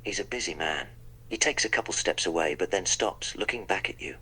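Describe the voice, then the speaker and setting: A man's voice: low voice, fairly quick, bright, forceful tone, husky, exaggerated voice, low-quality recording. A man voicing the Doctor, a wry, polite eccentric time traveller, in a text-to-speech role-play that narrates his own actions.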